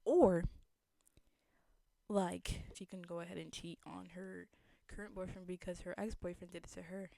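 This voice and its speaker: A young woman with a relaxed, mellow tone and a slight lisp talks casually to her viewers. She is earnest and reflective, like someone thinking aloud, and the recording is dry with little room sound. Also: on the low side, normal speed, creaky, pauses often, no echo. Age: young adult. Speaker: vlogger.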